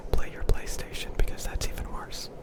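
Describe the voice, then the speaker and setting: A man gives a whispered ASMR ramble right up in the listener's ear. His voice is all breath with no tone, and he circles back over short phrases again and again on a close microphone. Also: moderate pace. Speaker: ASMR channel host.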